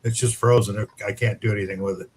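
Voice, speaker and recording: A man's voice: lowish voice, fairly even intonation, fast talker, darkish tone, slight background noise. A man joining a livestream over a bad call connection, his voice faint and distant. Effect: faint, distant audio over a bad call connection. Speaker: livestream guest on a video call.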